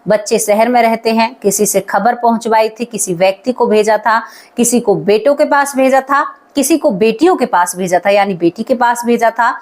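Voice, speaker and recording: A woman's voice: fairly high pitch, normal speed, a little mellow. A woman telling a horror story aloud in a conversational way, talking directly to her listeners as friends.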